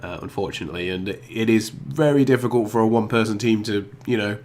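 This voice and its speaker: This man's voice is lowish and a little mellow, and he talks fast, his nose blocked up by a cold. Hosting a laid-back gaming channel on YouTube, he rambles and hesitates, dropping many ums and restarting sentences.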